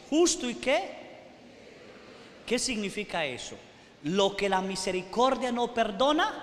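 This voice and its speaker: A man's voice: sits high, fairly bright tone. A male priest, preaching a sermon at a retreat. He tells stories and keeps checking in with the audience. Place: large hall at a retreat. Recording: echoey hall, faint noise.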